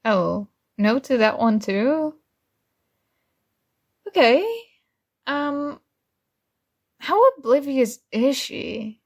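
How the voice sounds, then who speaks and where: In an intimate, one-sided ASMR roleplay, a woman voices a kind, earnest, oblivious female friend in a full character voice. Her pitch is fairly high and her tone gravelly, and she speaks very slowly with long pauses. She sounds casual, encouraging and a little hesitant.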